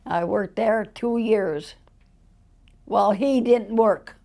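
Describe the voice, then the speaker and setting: A very old woman, over a hundred, telling stories from her life in a rambling, colloquial way with a gravelly old voice. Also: medium pitch, slow, mellow. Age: over 100, very old. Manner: rambling storyteller, acting out quoted dialogue in plain colloquial words. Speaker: interviewee. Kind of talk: casual autobiographical storytelling.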